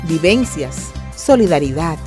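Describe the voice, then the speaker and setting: A woman voicing a program intro in a slow, lilting delivery. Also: deep voice, very animated, music in the background. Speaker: announcer.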